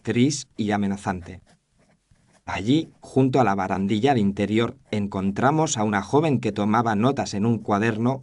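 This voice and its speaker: A man's voice: lowish voice, a little mellow, close to an everyday voice. A man narrating a scripted mystery story as an observant Victorian doctor, formal and descriptive.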